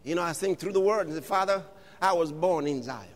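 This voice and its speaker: A man preaching a fervent sermon, reading scripture aloud, calling out to the congregation and shouting refrains, at times slipping into speaking in tongues. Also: fairly high pitch, a little fast. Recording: long hall reverb.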